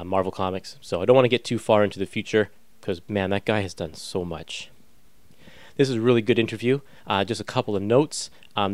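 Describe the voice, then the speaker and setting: Male podcast host, 30s, lower register, dry recording, casual and enthusiastic delivery. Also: no room sound. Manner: enthusiastic, informal. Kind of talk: casual chatty podcast hosting.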